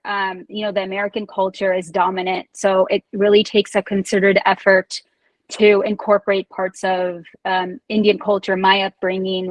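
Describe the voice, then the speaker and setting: A woman's voice: mid-range voice, no echo, low-quality recording. A woman from Fiji speaking as a guest author on an online panel, hesitant with many ums. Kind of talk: panel discussion answer.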